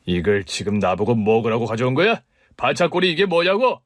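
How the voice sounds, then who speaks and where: A man's voice: mid-range voice, big pitch swings, fairly quick, no echo. A cold, irritable middle-aged father snaps and scolds with open contempt, as a man acts him out. The voice is dry and close. It is a radio-drama story. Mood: scolding.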